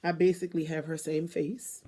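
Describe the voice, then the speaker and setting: Woman in her 30s, dark mellow voice, emotional personal vlog, real candid, swears, pauses for weight. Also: deep voice, flat delivery.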